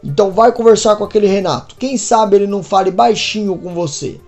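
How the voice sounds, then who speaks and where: A woman's voice: mid-range voice, brisk, mellow, soft background music, lightly acted. A woman voicing an angry, jealous husband who scolds his wife in exasperation. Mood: exasperated.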